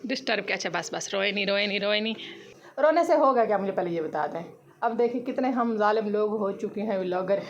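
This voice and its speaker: A woman's voice: medium pitch, fairly even intonation, fast talker, highs cut off. A woman with a Pakistani Urdu accent chatting in a casual family vlog at home, filming on a handheld phone, soothing and teasing by turns. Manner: soothing, coaxing, then teasing and laughing. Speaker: vlogger. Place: home room. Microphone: handheld phone camera.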